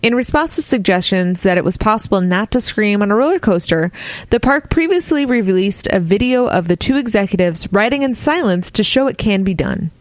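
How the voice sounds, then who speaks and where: A woman's voice: medium pitch, lively intonation, brisk, dry recording. A woman co-hosting a comedy news podcast, reading out stories and riffing on them with frequent laughs. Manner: giggly, reads news then riffs. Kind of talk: casual comedic news chat.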